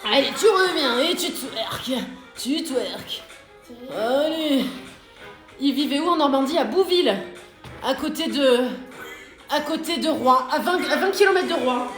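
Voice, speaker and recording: A woman's voice: sits high, lively intonation, measured pace. A woman coaching a live home workout, chatty and joking as she gives exercise cues between comments from viewers. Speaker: fitness coach. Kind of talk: live workout coaching while reading chat. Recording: roomy room with music playing. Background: workout music.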